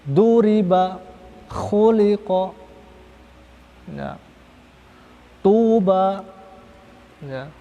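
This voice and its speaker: A man teaching Quran recitation rules in a slow, patient, repetitive lesson, sometimes chanting the examples in a drawn-out way. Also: sits high, a little mellow, muffled recording. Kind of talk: slow religious lesson on tajwid. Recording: echoey long reverb hall.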